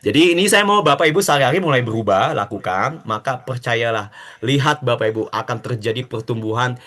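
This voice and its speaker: A man giving a lively motivational talk to network marketing members, urging them on and acting out short dialogues. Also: medium pitch. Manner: animated and exhortative, acting out quick dialogues.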